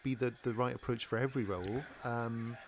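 A man's voice: mid-range voice, steady tone, a little fast, slight background noise, lightly acted. A man playing an awkward, self-important middle-aged amateur actor who hesitates and stammers. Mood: fussy. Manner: hesitant, fussy, many ums, stammering. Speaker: improvised comedy performer.

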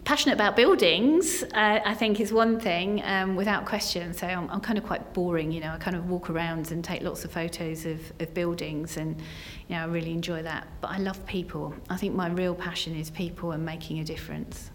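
Lowish-voiced woman in an interview. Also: steady tone, fairly quick, hardly any pauses, slight background noise. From Essex, England. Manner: earnest, often says "you know" and "kind of". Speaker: interview guest, senior business executive. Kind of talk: conversational interview answers.

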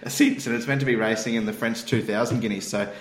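A man's voice: medium pitch, fairly even intonation, fast talker. An Australian man on a racing podcast panel, chatting and telling anecdotes in a blokey, slangy way. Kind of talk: casual chat and anecdotes. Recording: roomy, echoing sound.

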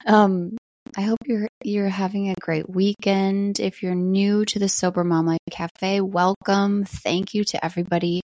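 A middle-aged woman with a low morning voice, talking casually and reflectively in a personal solo check-in as a podcast host. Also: darkish tone, dry recording. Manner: reflective, conversational.

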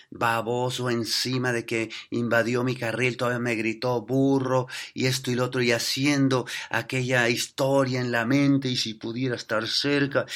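A man giving a motivational business talk, telling stories and tossing rhetorical questions at his listeners. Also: on the low side. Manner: storytelling, addresses listeners as "muchachos", tag questions.

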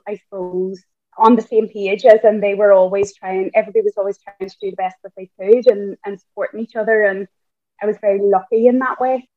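A woman's voice: mid-range voice, dry recording. A woman with a Donegal Irish accent answering as a podcast guest in a chatty, conversational way, often padding with "I suppose" and "like". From County Donegal, Ireland. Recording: thin phone-like remote line.

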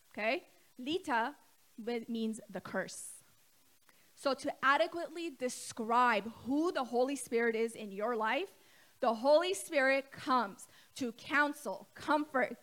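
A woman's voice: high voice, a bit bright. Woman preaching a conversational sermon. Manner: conversational preaching, asks the congregation questions. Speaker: co-lead pastor.

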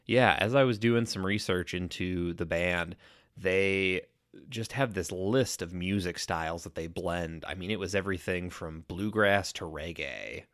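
A man co-hosting a podcast in casual chat, slightly congested from allergies, relaxed and chatty. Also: low voice, a little slow, dry recording, clean studio sound. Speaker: podcast co-host.

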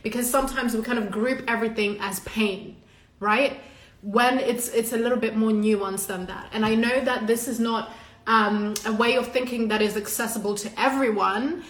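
This live-stream host and coach is a woman from Zimbabwe, a native Shona speaker, whose fairly high voice is steady, fairly bright and moderately paced. Her motivational talk to an online audience is casual, earnest and emphatic, full of the free swearing a coach might use among friends. Reverb from the room is strong.

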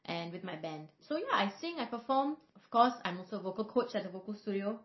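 A woman who is a singer and vocal coach, from Singapore, telling stories in a relaxed podcast chat with frequent fillers. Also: mid-range voice, quick pace. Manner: reflective, storytelling, frequent fillers. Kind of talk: casual podcast conversation. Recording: roomy, slightly dull podcast audio.

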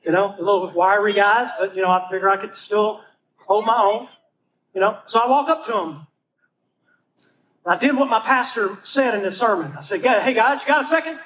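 A pastor preaches in a lively storytelling style and acts out each quote in a raised voice. His voice sits high for a man. A faint hiss runs under the recording. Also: normal speed, rough recording. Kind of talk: storytelling sermon.

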